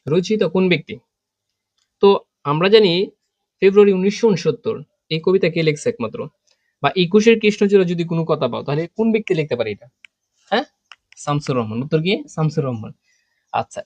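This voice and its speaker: A man's voice: a little high, darkish tone, no room sound. A young man with a Bangladeshi Bengali accent teaching an online exam-prep lesson, quizzing students and repeating his own answers.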